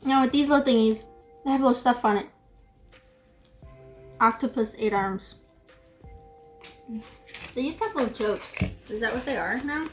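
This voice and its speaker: Chatty young woman with a high voice. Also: moderate pace, long pauses, roomy sound, faint music behind. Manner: chatty, eats while talking. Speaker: vlogger. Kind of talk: casual snack-tasting vlog.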